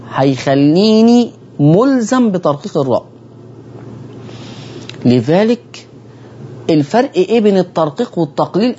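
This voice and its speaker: Egyptian man teaching recitation, warm voice. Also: high voice, highs cut off, a little hiss or hum. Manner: repeats key phrases, addresses listeners directly. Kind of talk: televised recitation lesson.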